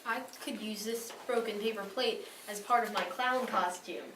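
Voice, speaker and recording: A woman's voice: medium pitch, moderate pace. A woman giving brief playful improvised answers. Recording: echoey room, distant mic, noisy.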